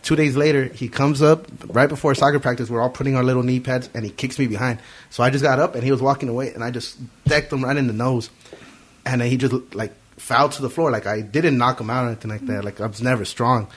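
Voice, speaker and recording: A man's voice: mid-range voice, steady tone, slightly rough. A man hosting a podcast, telling a story in casual profane chat and acting out the quotes. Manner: quick, profane anecdote telling with acted quotes. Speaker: podcast host.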